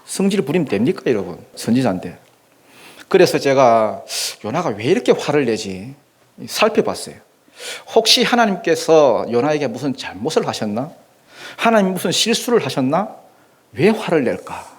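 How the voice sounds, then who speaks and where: A man preaching a sermon as pastor in a church, animated and firing rhetorical questions at the congregation. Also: medium pitch, normal speed, husky.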